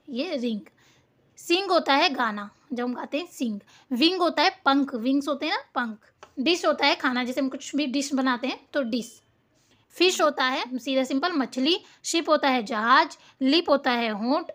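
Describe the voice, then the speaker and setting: A woman teacher with a high voice, speaking in a patient classroom manner. She spells each word out slowly, letter by letter, and answers her own questions as she works through the sheet. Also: expressive, fairly bright tone. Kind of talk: classroom lesson explaining a worksheet.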